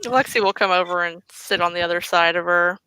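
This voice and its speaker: A woman's voice: lowish voice, fairly even intonation, fast talker, sharp tone, clear, resonant tone, no echo, poor audio. A woman narrating as game master of a tabletop game, casual and swearing, with asides to the players.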